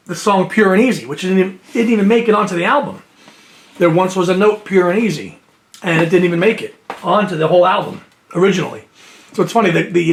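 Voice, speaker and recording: A man with a high-pitched, creaky voice unboxes a music box set at home, close to his shelves. He's a music collector hosting a video, and he chats casually, reads the liner notes enthusiastically and sniffles from allergies.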